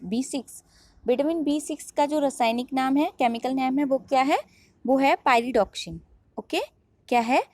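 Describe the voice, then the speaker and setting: Woman, online biology teacher, drills terms by question and answer; higher pitch, dry close recording. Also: darkish tone, no room sound. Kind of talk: online lesson.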